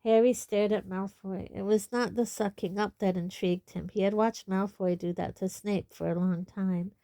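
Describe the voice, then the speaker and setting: Woman reading an audiobook, warm mellow voice, dry close sound. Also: medium pitch, moderate pace, no echo. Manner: steady storytelling. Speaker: audiobook reader. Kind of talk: audiobook narration.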